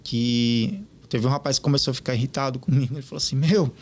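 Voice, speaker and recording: A man, a podcast guest telling stories in an animated way and acting out what others said. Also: mid-range voice, fast talker. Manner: animated, quotes others in lively retellings. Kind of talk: casual storytelling interview.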